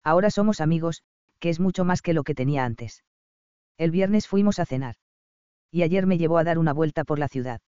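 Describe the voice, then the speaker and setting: Man voicing a homesick young woman doctor, smooth clear voice, audiobook read. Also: a little high, a little fast, mellow, no room sound, dull audio, natural voice. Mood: unsure.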